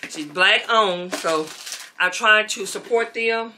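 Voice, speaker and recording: A beauty vlogger in middle age chats to "y'all" while straightening up her beauty room in a bedroom, her mid-range voice unhurried and slow. She sounds chatty and relaxed. The camera mic moves around and carries a slight hiss or hum.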